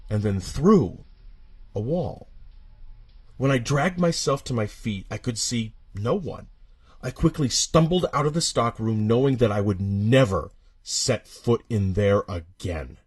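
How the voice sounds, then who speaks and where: This is a husky, medium-pitched male voice, recorded dry, narrating his own horror story. He builds suspense dramatically, keeping a measured pace marked by quiet drops and fierce swells.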